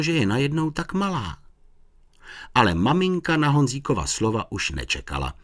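Deep-voiced man reading a children's story. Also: no room sound, studio quality. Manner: expressive reading aloud. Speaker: narrator. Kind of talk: storybook narration.

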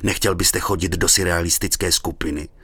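A man's voice: low voice, steady tone, fairly bright tone, breathy edge, dry recording, full character voice. Man reading a pompous, grandiose poet. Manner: pompous, declaiming. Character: grandiose eccentric surrealist poet, man, big.

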